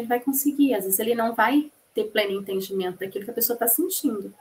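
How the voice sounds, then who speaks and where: A woman voicing a lecture for a class, explaining patiently, asking the listeners rhetorical questions, and pausing to restart phrases mid-sentence. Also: mid-range voice, a little hiss or hum. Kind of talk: spoken lecture rendering.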